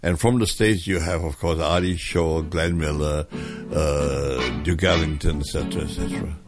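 A man's voice: rumbling low, steady tone, normal speed, loud music behind the voice. An older man from Hong Kong, reminiscing hesitantly with many fillers in an interview. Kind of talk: oral history interview.

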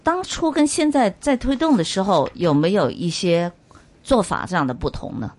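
A woman's voice: medium pitch, animated, moderate pace, darkish tone. A woman hosting a conversational interview, asking questions and responding to her guests. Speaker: host.

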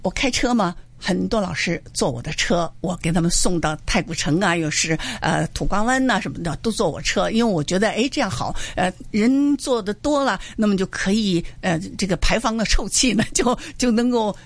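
A woman teaching Mandarin, a guest in an interview, telling stories in a cheerful, animated way and laughing often. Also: medium pitch, brisk, hardly any pauses. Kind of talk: casual storytelling in an interview.

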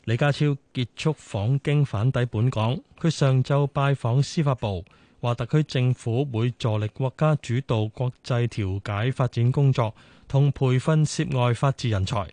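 Male radio anchor, Hong Kong Cantonese, mid-pitched, relaxed tone, close dry studio sound, scripted news. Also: moderate pace, dry recording.

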